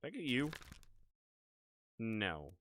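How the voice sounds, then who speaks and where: A man livestreaming a video game, chatting casually and excitably with viewers in an animated, exclaiming way. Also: fairly low pitch, slow, a little hiss or hum. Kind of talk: casual livestream gaming chat and commentary.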